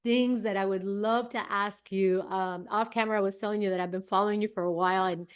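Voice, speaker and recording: A woman hosts a talk show at a middle pitch. She introduces her guest chattily and effusively, with plenty of fillers and restarts. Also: steady tone, fast talker, clear, resonant tone. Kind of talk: casual interview introduction.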